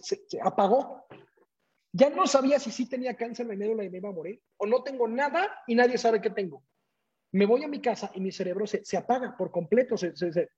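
A man, a guest telling a personal story in an animated way and acting out the dialogue. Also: high-pitched, husky. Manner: animated, acts out quoted dialogue. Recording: dull lo-fi audio.

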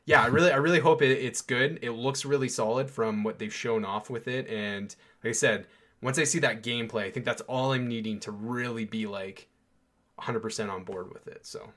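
A man's voice: mid-range voice, fairly quick, a bit bright. A young man hosting a podcast, chatting casually and enthusiastically, with many fillers and restarts. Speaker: podcast host. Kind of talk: casual chat.

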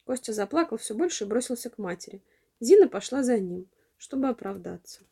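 Female storyteller for kids, animated and mellow. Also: fairly high pitch, brisk, creaky, husky. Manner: expressive. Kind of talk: storybook narration.

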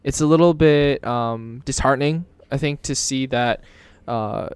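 A man's voice: medium pitch, measured pace, smooth, dry recording. A young man co-hosting a casual podcast chat, talking hesitantly and searching for words as he goes. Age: young adult. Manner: hesitant, many restarts and fillers, searching for words. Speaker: podcast co-host.

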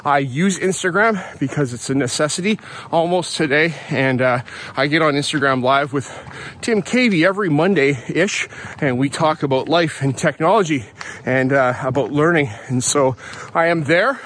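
A man's voice: on the high side, normal speed, a bit bright, a little hiss or hum. A man recording a casual audio diary outdoors, a podcast host talking in a chatty, rambling way and correcting himself as he goes. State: out of breath. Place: outdoors on a hill at dawn.

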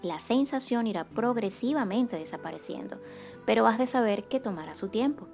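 A woman hosting a wellness podcast as a psychocorporal facilitator, reading a scripted monologue in a calm, measured, soft-spoken way. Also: fairly high pitch, gravelly, faint music behind.

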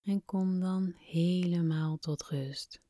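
A woman leads a guided relaxation in a soft, breathy near-whisper. Her voice is mellow and fairly low, and she speaks very slowly and soothingly. The sound is close and dry. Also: fairly even intonation, dry recording. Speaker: podcast host, relaxation guide.

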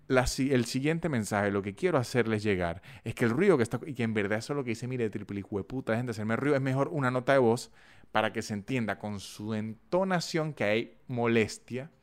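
A podcast host with a Venezuelan Andean accent talks in a relaxed, chatty monologue. His voice is smooth and clear, pitched in an ordinary middle range, and he tells his points as lively little stories. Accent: Venezuelan Andean (gocho). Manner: animated, chatty storytelling with acted-out voice notes.

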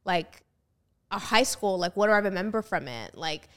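A woman's voice: medium pitch, lively intonation, moderate pace, a bit bright, clear, resonant tone. Chatty young woman podcast host. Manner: chatty, laughs often, lots of "like". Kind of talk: casual chat.

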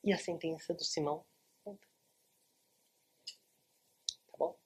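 A literature teacher with a Brazilian accent gives a chatty, informal online lesson and speaks directly to the viewers. The voice is husky and slightly breathy. The delivery is relaxed, conversational storytelling. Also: mid-range voice, unhurried. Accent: Brazilian Portuguese. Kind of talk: casual online lesson, retelling a novel.

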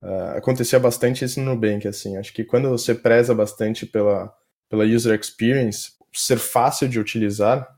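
A man with a Brazilian Portuguese accent, a software developer chatting casually as a podcast guest. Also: fairly low pitch, fairly even intonation, moderate pace. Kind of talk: casual conversational interview answers.

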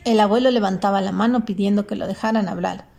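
Narradora de voz rasposa y oscura. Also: female voice, medium pitch, steady tone, quick pace, warm tone. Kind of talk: storybook reading.

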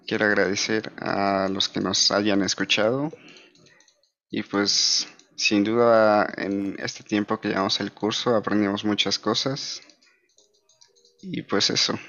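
A young man speaks casually on a student podcast, very slowly and with heavy vocal fry. His voice is rather low, and the recording is dull, with keyboard clicking. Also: fairly bright tone. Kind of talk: casual closing remarks.

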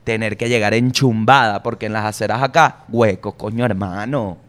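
A man's voice: fairly low pitch, moderate pace. Slangy Venezuelan comedian man. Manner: slangy, animated, swears freely, jokey asides. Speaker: comedian podcast host. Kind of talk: casual comic monologue.

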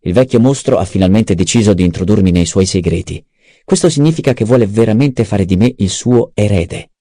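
A man voicing an ambitious young male heir in an audiobook, eager and quick. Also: lowish voice, lively intonation, dark tone, dry recording, studio quality. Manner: eager, inward. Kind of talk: audiobook character voice.

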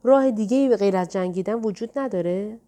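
A woman reading the part of a calm, soft-spoken older man, a gentle mystic, in an audiobook. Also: mid-range voice, close to an everyday voice.

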